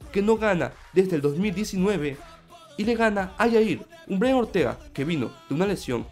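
This MMA commentator has a high-pitched, darkish voice and is reacting to a fight in an opinion video. He has a sore throat and feels slightly feverish, yet he speaks emphatically, repeats himself, and addresses his viewers directly.

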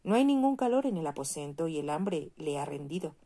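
Storybook prince, sad and kind, read by a woman, low mellow voice, soft pleading lines. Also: sing-song, fairly quick, full character voice. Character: gentle, sorrowful statue prince, male.

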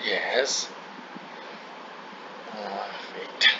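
A man's voice: fairly low pitch, fairly even intonation, extremely slow, gravelly. A man with an Indian accent and Hindi as his first language, tutoring maths one-to-one step by step, repeating himself and often checking understanding. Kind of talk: one-to-one lesson, explaining step by step. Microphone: online call microphone. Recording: muffled, noisy online call recording.

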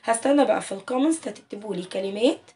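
A woman's voice: mid-range voice, very fast, mellow, recorded from a distance. A woman with an Egyptian Arabic accent giving a casual online English lesson, explaining patiently and stretching out sample words. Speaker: English teacher.

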